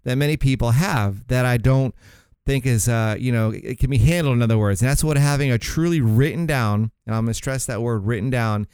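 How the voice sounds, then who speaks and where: A man hosts a money show on talk radio and talks listeners through retirement plans. His delivery is loose and rambling, and he often doubles back on words. The voice is smooth and clear, recorded close and dry. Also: medium pitch, brisk, a little mellow, no echo.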